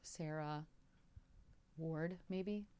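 A woman's voice: deep voice, very slow, warm tone, smooth. A woman co-hosting a podcast, chatting casually and rambling with lots of fillers and laughs. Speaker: podcast co-host. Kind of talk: casual chat.

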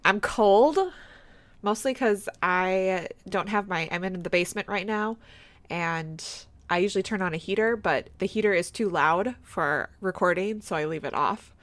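A woman's voice: mid-range voice, moderate pace, fairly bright tone, dry recording. A woman co-hosting a podcast in a casual, chatty style, recorded at home in a basement. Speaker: podcast co-host.

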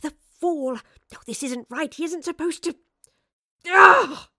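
A woman playing an earnest, urgent female professor and time traveller in an audio drama, speaking intensely in halting phrases. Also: mid-range voice, expressive, dry recording, clean studio sound. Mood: desperate pleading.

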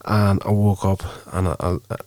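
Wheezy, low-voiced man, casual podcaster. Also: fairly even intonation, moderate pace, darkish tone, no echo. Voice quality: wheezy, gravelly. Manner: hesitant, thinking aloud. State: wheezing, chesty, sick and just woken up. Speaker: movie podcast host. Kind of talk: casual solo podcast talk, rambling film review.

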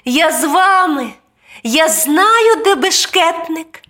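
Woman doing a high sweet little angel girl. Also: lively intonation, takes it slowly, heavily acted. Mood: eager. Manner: high, eager and bright.

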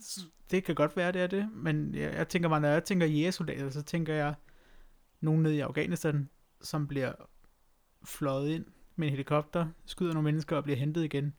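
A man with a slightly raised pitch and plenty of vocal fry. He chats casually as a co-host, understated and matter-of-fact, with a dry sense of humour. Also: steady tone. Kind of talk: casual chat.

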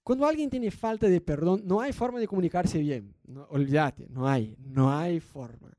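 A man with a Rioplatense Spanish accent gives a lively talk about marriage, voicing what husbands and wives say to make his point. His voice sits high but sounds mellow. The sound is close and dry. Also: moderate pace, dry recording. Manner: acts out quoted spouses, rhetorical asides. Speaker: marriage speaker.

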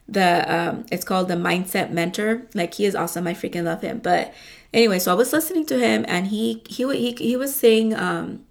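A woman's voice: mid-range voice, gravelly. A woman hosting a casual motivational talk, rambling with lots of fillers and frequent swearing, often calling her listeners "you guys".

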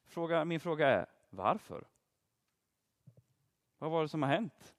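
A man giving an interactive Bible teaching, quizzing his listeners and praising their answers. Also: a little high. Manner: lively, asks the audience questions and praises answers. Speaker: preacher teaching a group.

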